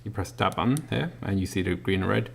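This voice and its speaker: Fiddling with a new device, a deep-voiced male reviewer talks through an unboxing in a relaxed, explanatory style. There's a rough edge to his voice, and ums and uhs fill the gaps as he shows off the gadget.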